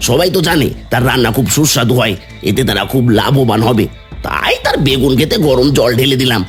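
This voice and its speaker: A man's voice: medium pitch, a little fast, soft background music, natural voice. A man voicing a smug, scheming, jealous village husband in a cartoon, teasing and bossy.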